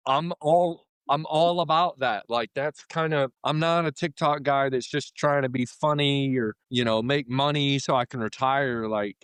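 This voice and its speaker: Clear-voiced, informal American man. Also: mid-range voice, unhurried, few pauses, fairly bright tone, dry recording. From Florida, United States. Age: 30s. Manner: rambling, informal, conversational. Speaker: interview guest, union carpenter. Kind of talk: casual interview chat.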